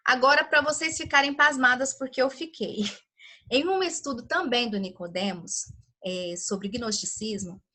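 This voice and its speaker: In a livestreamed women's Bible study, a woman teaches in a slightly high, bright and forceful voice. She's chatty and conversational, full of rhetorical questions, and often adds "né?".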